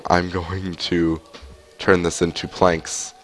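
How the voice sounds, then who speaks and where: Soft music plays in the background as a young man with a cold streams a game from his home room. Chatting casually on a headset mic with lots of fillers, he speaks slowly in a low, slightly bright voice with little pitch movement.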